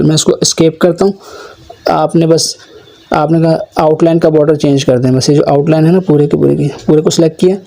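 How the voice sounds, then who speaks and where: A man teaching a computer course, explaining each step of a screen-recorded software tutorial and voicing the learner's requests himself. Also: on the high side, gravelly.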